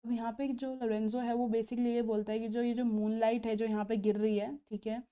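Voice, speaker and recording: A woman teacher, explaining a play to students in a mix of languages and slowly reading its lines aloud. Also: on the high side, flat delivery, dark tone, clear, resonant tone, lo-fi sound.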